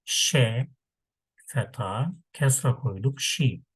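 A man teaching a Quran reading lesson, slowly sounding out letters and syllables in patient repetition. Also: mid-range voice, breathy edge, no room sound.

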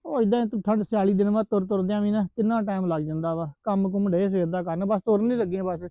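A man's voice: high voice, steady tone, fast talker, mellow, no room sound. A man chatting in an easygoing, plain-spoken way in a family vlog drama. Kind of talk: casual Punjabi family vlog acting. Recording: slightly dull, lo-fi sound.

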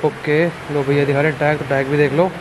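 A young man vlogging a tour of a clothing shop, briskly repeating prices back. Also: on the high side, flat delivery, background noise. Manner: brisk, keeps repeating prices and "theek hai ji". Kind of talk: casual shop walkthrough vlog. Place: large indoor clothing warehouse shop.

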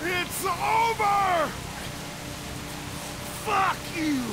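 Enraged, very high-pitched game villain. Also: male voice, drawn-out words, vocal fry, over loud music, heavily acted. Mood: enraged, taunting. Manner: aggressive, swearing, taunting. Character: enraged, taunting young man, beaten but defiant. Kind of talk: dramatic video game acting.

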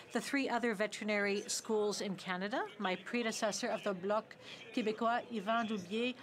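A woman interpreting live into English in parliament, halting and correcting herself with fillers as she goes. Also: a little high. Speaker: simultaneous interpreter.

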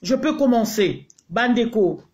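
A man's voice: very high voice, lively intonation, a little slow, darkish tone. A Congolese man hosting a casual live stream, greeting viewers one by one in a heated, repetitive way. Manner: mixes French and Lingala, heated. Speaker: livestream host.

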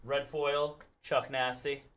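A man's voice: medium pitch, little pitch movement, takes it slowly, a bit bright, slight background noise. A man in his thirties hosting a live card break in a studio, reading out cards and thanking buyers by name.

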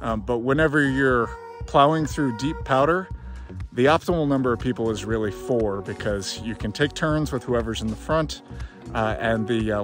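A man giving relaxed, plain hiking advice outdoors on a snowy trail. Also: mid-range voice. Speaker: outdoor vlogger. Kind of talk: casual outdoor explainer. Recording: music playing underneath.

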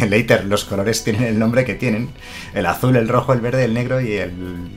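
A man's voice: lowish voice, fairly even intonation, moderate pace, soft background music. Chatty Spanish-male streamer. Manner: chatty, explains and answers viewers' comments. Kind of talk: casual live-stream chat.

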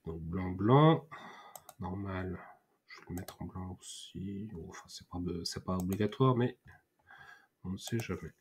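A man's voice: low-pitched, unhurried, long pauses, slight background noise. A man hosting a screen-recorded tutorial, thinking aloud with many fillers and restarts. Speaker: tutorial host. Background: mouse clicks and typing.

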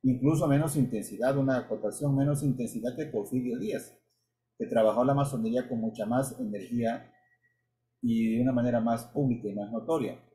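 A man giving a narrated slideshow lecture, measured and explanatory, with pauses and restarts. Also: medium pitch, warm tone. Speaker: history author and lecturer. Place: indoor room, webcam inset.

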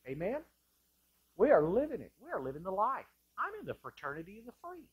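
A male pastor delivering an impassioned sermon in a church sanctuary, moving between loud bursts and hushed lines. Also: high-pitched, huge pitch swings, fairly quick, narrow, tinny audio.

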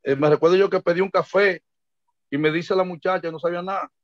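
Dominican guy, middle aged, kinda high voice, chats and acts out quotes, lo-fi muffled dry audio. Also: fast, no echo. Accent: Dominican Spanish. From Dominican Republic. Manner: animated anecdotes, acting out quoted voices, chuckling. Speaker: interview guest, merengue and bachata singer. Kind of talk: casual storytelling interview. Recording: dull lo-fi dry sound.

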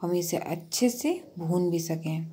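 A woman's voice: lowish voice, a little slow, mellow. A woman hosting a cooking channel, patiently talking through each step of a recipe in a voice-over with practical tips.

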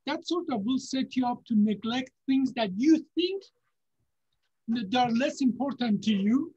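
A man, a neurosurgeon giving unhurried, halting career advice over a video call from a home office. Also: very high-pitched, lively intonation, a little mellow, husky. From Iran. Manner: unhurried, halting, with many fillers and restarts. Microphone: video call webcam. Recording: dull, lo-fi video call audio.

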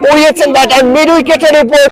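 This is a Bangladeshi man commentating live on cricket in a frantic, excited style. His voice is strikingly high, he draws out English catchphrases, and a crowd is clearly heard behind him. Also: quick pace, rough recording. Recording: loud crowd noise behind. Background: crowd at an outdoor cricket ground.

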